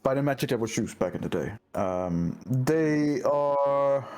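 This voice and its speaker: A man's voice: medium pitch, measured pace, a little mellow. A man acting as game master, narrating a tabletop role-playing game and talking casually with players.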